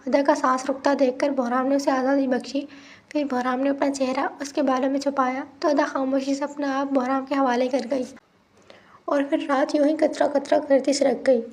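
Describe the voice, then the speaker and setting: A woman narrating a romance novel in a steady, even reading voice. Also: sits high, moderate pace.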